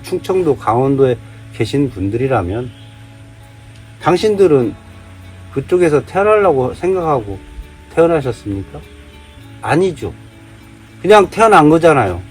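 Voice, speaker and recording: A man's voice: on the high side, very animated, moderate pace, long pauses, a little mellow, breathy edge, soft background music. A man from Jeolla giving a heated monologue, firing off rhetorical questions. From Jeolla, South Korea. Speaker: vlogger. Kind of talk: casual monologue, day-drinking rant.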